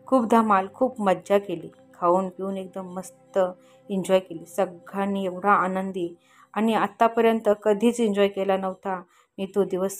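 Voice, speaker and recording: A woman tells a first-person story in an earnest, confiding voice of middle pitch. She speaks the quoted lines of the people in it herself. Soft music plays quietly behind her.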